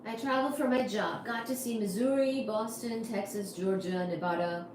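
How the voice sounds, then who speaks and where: A woman's voice: mid-range voice, moderate pace. A woman from India hosting a casual livestream, answering chat comments with wry asides. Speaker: livestream host. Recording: echoey room with faint noise.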